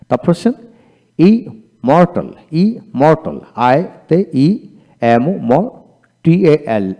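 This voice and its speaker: A man's voice: mid-range voice, dark tone. A man teaching pronunciation, spelling words out letter by letter and repeating each one. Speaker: English teacher.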